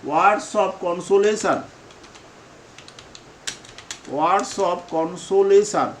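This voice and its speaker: Slow, high-voiced English teacher. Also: male voice, roomy sound, a little hiss or hum, low-quality recording. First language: Bengali. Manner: slow, repeats each phrase for learners. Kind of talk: spoken English lesson.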